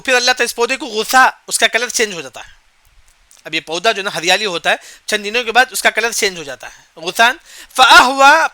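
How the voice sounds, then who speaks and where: Male Quran teacher with a high, very bright voice, dry recording, explains word by word and chants verses. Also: no echo. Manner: explains Arabic words slowly, repeats key points. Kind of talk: Quran commentary lesson.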